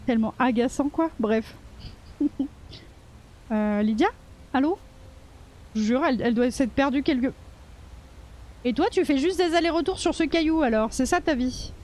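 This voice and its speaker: A woman's voice: sits high, a little mellow. A woman streamer giving casual, playful commentary while playing a video game, swearing freely and talking back to the characters. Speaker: gaming streamer. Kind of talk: casual let's-play commentary.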